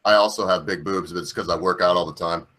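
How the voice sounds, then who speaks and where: A man's voice: low-pitched, fairly even intonation, quick pace, pushed and bright, a little hiss or hum. A man in his forties hosting a late-night livestream, rambling and joking with crude humor. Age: 40s. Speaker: livestream host. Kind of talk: casual late-night chat.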